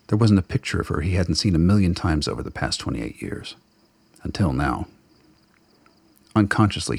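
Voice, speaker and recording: In dramatic scripted narration of fiction for a radio drama, a man speaks in a very low, gravelly voice with a brooding, literary delivery. The recording is close and dry with no echo, though his words come out somewhat husky.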